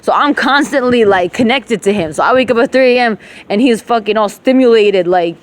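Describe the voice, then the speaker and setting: A woman with a slightly high voice talks to herself a little fast and with lively intonation, rambling emotionally and profanely. She jumps back and forth between English and Arabic, which she speaks with a rural Levantine accent.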